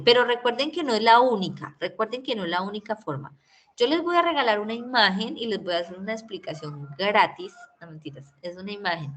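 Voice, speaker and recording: A woman with a Colombian Spanish accent teaching English in an online class, explaining in Spanish and saying English examples slowly. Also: mid-range voice, a bit bright, slight background noise. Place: video call recording.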